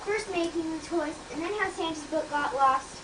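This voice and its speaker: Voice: extremely high pitch, moderate pace, recorded from a distance. A young performer playing a fretful, kindly Mrs. Santa in an amateur Christmas stage play, recorded on noisy tape in an echoey room. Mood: worried. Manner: fretful, sighing.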